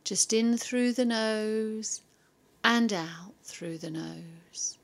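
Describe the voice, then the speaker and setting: Female yoga instructor, unhurried and gentle, leaves long pauses between soothing cues, mid-pitched voice. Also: gravelly. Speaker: yoga teacher. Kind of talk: guided yoga and relaxation.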